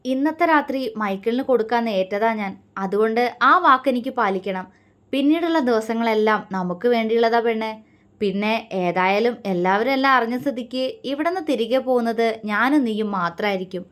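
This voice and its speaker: A woman's voice: fairly high pitch, lively intonation, fairly quick, lightly acted. A woman voicing a scheming young man who taunts and threatens the others. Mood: sneering. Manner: sneering and taunting.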